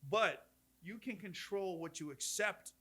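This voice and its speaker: Middle-aged male podcast host with a high, ringing voice who tells stories with emphasis. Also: a little slow, sharp tone. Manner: storytelling, emphatic, with laughs. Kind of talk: casual podcast debate.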